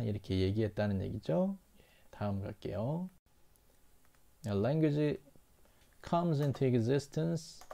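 Slow, gravelly male English instructor. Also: medium pitch, mellow. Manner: slow, explanatory, repeats phrases and asks himself questions. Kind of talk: lecture-style lesson.

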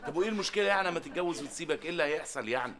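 A man's voice: fairly high pitch, lively intonation, rapid-fire, a loud crowd, natural voice. A man playing a sarcastic, exasperated Egyptian boss. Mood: mocking. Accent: Egyptian Arabic. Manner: sarcastic and mocking. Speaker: sitcom character. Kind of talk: TV sitcom acting. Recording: noisy background.

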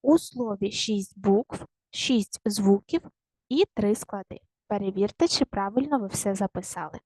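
A woman teaching a primary school language lesson online, speaking slowly and carefully and repeating words to show their stress. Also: mid-range voice, expressive, warm tone, slightly rough, no echo.

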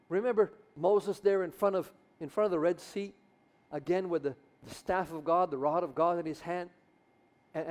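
A man preaching a sermon as a bishop, exhorting fervently, repeating phrases and building to loud calls. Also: sits high. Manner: mixes in Tagalog phrases.

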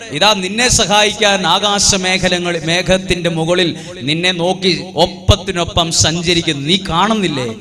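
A man's voice: sits high, bright, forceful tone. A male priest preaching a sermon with emphatic rhetorical questions and calls of hallelujah.

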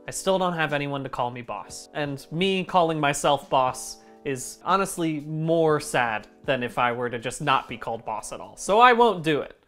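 This cooking video host is a man whose voice is a little high and fairly bright. He runs a comedic demo from his own kitchen, joking around and teasing himself as the food comes together, always playful and jokey.

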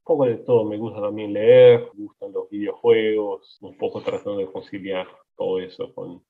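A man in his thirties from Brazil talks through interview answers, stopping to repeat words as he searches for them. His voice sits fairly low. It comes through a narrow, tinny call line recorded at home. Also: flat delivery, moderate pace, slight background noise. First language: Portuguese. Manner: hesitant, repeats words while thinking. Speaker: guest biologist. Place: indoors at home.

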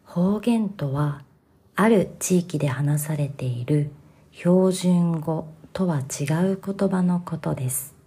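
A woman from Kansai, the host of a podcast, explaining Japanese to learners in a slow, careful, soft-spoken way. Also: low-pitched, vocal fry, husky.

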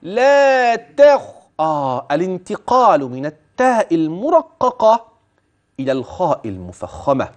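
On a religious TV channel, an Egyptian Quran recitation teacher gives a tajweed lesson in a high-leaning voice whose pitch swoops wildly. Between explanations he slowly draws out words to show pronunciation, and he poses questions to the listener, then answers them himself.

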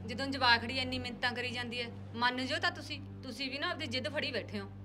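A woman's voice: sits high, quick pace, music in the background, close to an everyday voice. A woman playing a pleading village mother. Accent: Punjabi. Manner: pleading, gently persistent. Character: caring village mother siding with daughter. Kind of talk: village drama acting.

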